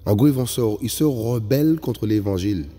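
A man's voice: medium pitch, lively intonation, brisk, warm tone, husky. A man preaching a sermon in an emphatic way, often calling out to his brothers and sisters. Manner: emphatic, repeats "vous voyez, frères et sœurs". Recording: long reverb with faint music.

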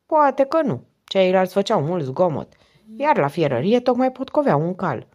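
A woman's voice: medium pitch, sing-song, darkish tone. A woman voicing a shy, chubby schoolboy who answers questions earnestly and politely in an audiobook reading.

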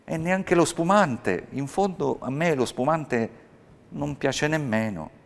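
A man voicing a kindly, poor old male shoemaker in a read-aloud storybook, speaking warmly and contentedly. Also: fairly high pitch, lively intonation, slow, vocal fry, long reverb tail, voice pushed up, exaggerated voice.

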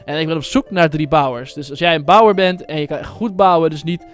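Young-sounding male gaming host, slightly high voice, loose slangy rambling delivery, faint music underneath. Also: quick pace, fairly bright tone. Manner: rambling, filler-heavy, slangy. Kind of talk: casual Minecraft commentary.

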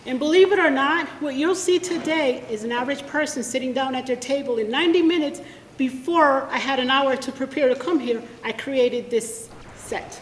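A high-voiced American woman introduces a poetry reading at a library event, speaking heartfelt words at a moderate pace and switching between English and Spanish. Her podium mic picks up a faint hiss or hum, and the echoey room gives a long reverb.

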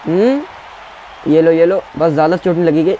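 A young man giving excited gameplay commentary, taunting his opponents and barking commands as he plays. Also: fairly high pitch, normal speed, narrow, tinny audio, crowd noise. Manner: trash-talking, taunting opponents, shouting commands. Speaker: gaming YouTuber.

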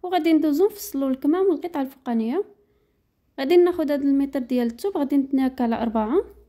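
A sewing teacher with a Moroccan Arabic accent voices a step-by-step tutorial, reading out measurements briskly and matter-of-factly. Her voice is high and mellow, and she moves along quickly.

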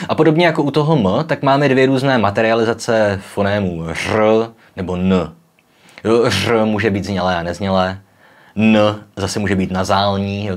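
A young man hosting a casual popular-science video, explaining in a chatty way with frequent tag questions and demonstrating sounds aloud. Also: deep voice. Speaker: educational video host.

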